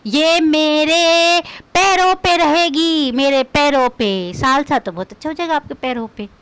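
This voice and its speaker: A woman's voice: sits high, unhurried, fairly bright tone. A woman doing a comic rant in a scolding, mocking, quarrelsome way. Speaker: comedian.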